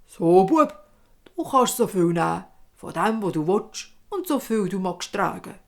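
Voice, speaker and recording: A woman voicing a calm, bearded old dwarf king who speaks in a measured, kindly authoritative way, with a Swiss German accent. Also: medium pitch. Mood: generous.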